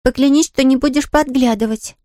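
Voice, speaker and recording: A man's voice: very high-pitched, a little fast, a little mellow, dry recording, clean studio sound, voice pushed up. A man voicing a small, tearful girl with a broken leg, whining and pleading in an audiobook reading. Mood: whiny. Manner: whiny, pleading.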